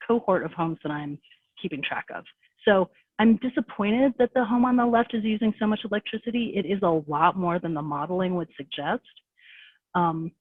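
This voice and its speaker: A woman's voice: fairly low pitch, breathy edge, dry recording. Woman walking thru her slides on a call, lots of um and like, sounds kinda phone-y and dry. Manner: rapid, conversational, many fillers. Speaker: presenter. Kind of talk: webinar presentation. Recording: tinny phone-like call audio.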